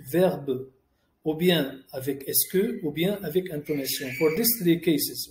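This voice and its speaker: A man with a fairly high voice teaches a grammar lesson, moving between French and English to restate each rule. He reads example sentences aloud. His voice rings in an echoey room. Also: darkish tone, a little hiss or hum. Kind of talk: classroom-style grammar lesson.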